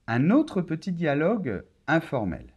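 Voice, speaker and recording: A man's voice: a little high, huge pitch swings, unhurried, a little mellow, breathy edge, highs cut off. A man teaching a French lesson, patiently demonstrating sounds and speaking informally to the learner. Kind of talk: language lesson.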